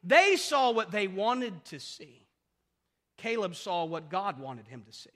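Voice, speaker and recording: Male pastor, emphatic sermon delivery with rhetorical questions, pitch rising and falling a lot, recorded in a reverberant sanctuary. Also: sing-song, unhurried, a bit bright.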